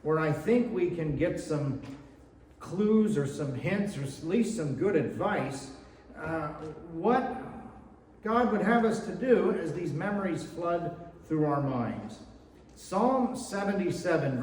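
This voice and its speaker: In a church sanctuary, a male pastor with a slightly high, darkish voice delivers a sermon, reading scripture and dropping in casual, conversational asides. The mic sits far off in an echoey hall.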